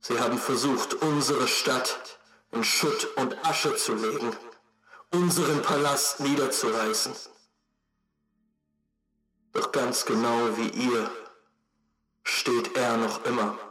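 A man's voice: medium pitch, fairly bright tone. Man doing a solemn rebel leader over a radio. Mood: rousing. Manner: solemn, rousing, slow oratory. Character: male resistance leader giving a rousing radio speech. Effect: voice heard over a radio set. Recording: echoey with faint music behind.

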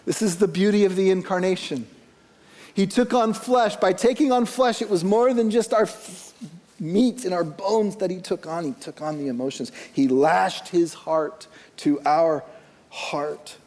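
A male pastor preaching at an unhurried, deliberate pace. His voice sits a little above the usual male pitch. He swings between hushed, quiet stretches and emphatic lifts on key phrases. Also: long reverb tail. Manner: slow and deliberate, dropping soft then rising emphatic. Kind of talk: sermon.

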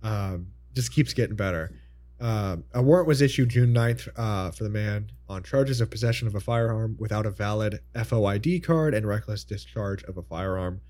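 A man's voice: lowish voice, moderate pace. A man hosting a podcast, telling odd news in a chatty way over a voice call. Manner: lively, chatty storytelling with laughs. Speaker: podcast host. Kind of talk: casual chat on a call.

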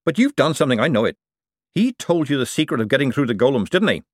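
A sharp, insistent young woman who pushes and demands, her voice raised high and bright with lively swings in pitch. She is a storybook heroine with a temper, as a male narrator puts her on. The recording is dry. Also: fast talker, dry recording. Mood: demanding.

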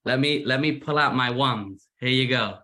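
Speaking at normal speed, a man from England uses a medium-pitched, bright, forceful voice with a slightly Americanized Manchester accent. He is a musician guesting in a relaxed interview, making fun of himself and often saying words twice.

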